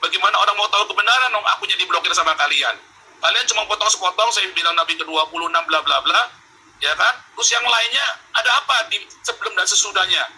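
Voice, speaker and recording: Bright-voiced emphatic Indonesian man. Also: high voice, fast talker, breathy edge, poor audio. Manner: emphatic, heated, repeats words, addresses interviewer as Pak. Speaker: interviewee. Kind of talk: remote interview, animated storytelling. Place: abroad in Europe.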